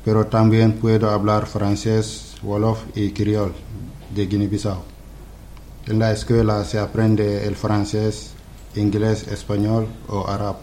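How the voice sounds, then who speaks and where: Adult man, Serer speaker, reading his own text slowly for school radio, with a mellow tone and faint background noise. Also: lowish voice, completely flat delivery. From Senegal. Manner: short simple sentences, careful and deliberate.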